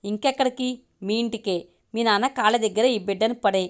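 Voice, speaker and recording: A woman's voice: on the high side, brisk, lightly acted. Woman reading as a scornful greedy husband. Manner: scornful, demanding. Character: harsh greedy young husband.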